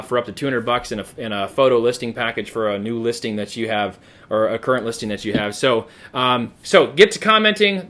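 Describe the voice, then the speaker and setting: A man hosting a live online show, chatty and energetic, with frequent fillers. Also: medium pitch. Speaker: host.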